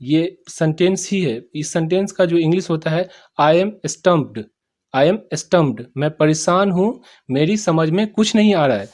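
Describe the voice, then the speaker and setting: A man teaching English sentences in Hindi, repeating each phrase slowly, spelling out words and often asking if students understood. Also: fairly high pitch, darkish tone. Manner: repeats each sentence slowly, checks "samajh mein aa gaya?"; spells and sounds out words letter by letter. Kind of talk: spoken English lesson explained in Hindi.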